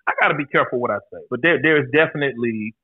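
A man's voice: mid-range voice, racing, slightly rough, no echo. Candid man in his forties on a tinny line. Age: 40s. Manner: laid-back, candid, profane storytelling. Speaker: podcast guest. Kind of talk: casual chat. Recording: tinny phone-like line, dry.

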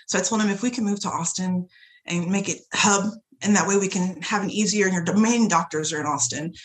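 A woman guest casually telling stories about her family and her shop, swearing often and acting out dialogue with big swings in pitch. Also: a little fast, low-quality recording. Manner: animated, profane, swings pitch widely in retold dialogue. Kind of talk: casual storytelling chat.

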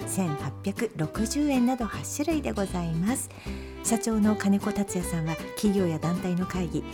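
A woman with an Akita dialect hosts a talk podcast at a middle pitch, chatting and laughing easily. She slides between dialect banter and tidy news reading. Faint music sits behind her. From Akita, Japan. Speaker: podcast host. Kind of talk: casual chat and news reading.

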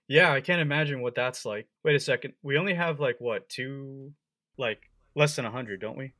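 A man's voice: medium pitch, moderate pace, bright, forceful tone. Young man in quizzical podcast banter. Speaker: podcast co-host. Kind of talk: casual chat.

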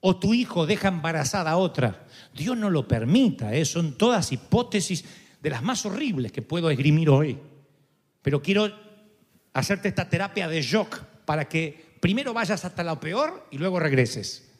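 A man's voice: fairly high pitch, big pitch swings, moderate pace. A male pastor, preaching emphatically and building his points through repeated lists. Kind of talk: sermon. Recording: long reverberant hall.

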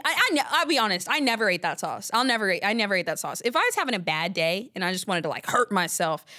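A woman's voice: mid-range voice, a bit bright, no room sound, clean studio sound. A woman hosting a podcast alone, talking in a rambling, candid, casual way and swearing now and then. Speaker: podcast host. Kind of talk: casual solo chat.

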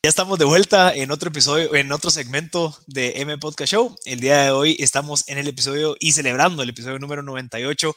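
A man hosts a podcast with a bright, forward voice, recorded close and dry. His talk is loose and rambling, with plenty of fillers. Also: on the high side, quick pace, few pauses, dry recording. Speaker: podcast host. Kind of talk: casual podcast hosting.

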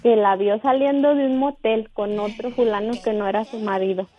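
Higher-voiced woman caller on phone line. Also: steady tone, normal speed. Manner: chatty, laughing, hesitant fillers. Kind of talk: storytelling gossip on a phone call. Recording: phone line with faint music behind.

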